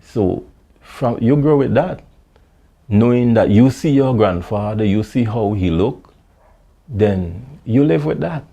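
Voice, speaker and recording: A man from St Vincent with a Vincentian Creole accent, recalling his childhood in an oral history interview, halting and repeating words as he goes. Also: mid-range voice, animated, vocal fry, mellow, muffled recording.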